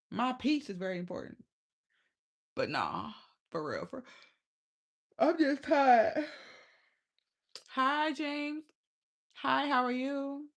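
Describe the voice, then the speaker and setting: A woman with a lisp and a gravelly, somewhat high voice hosts a casual livestream, chatting loosely and straight to her viewers, swearing freely and laughing often.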